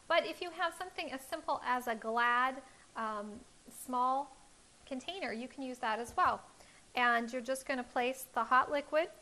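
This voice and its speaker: A woman's voice: high voice, sharp tone. A woman in her thirties hosting a home cooking show, explaining each step in a friendly instructional way from her kitchen on a lapel mic. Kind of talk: cooking demonstration.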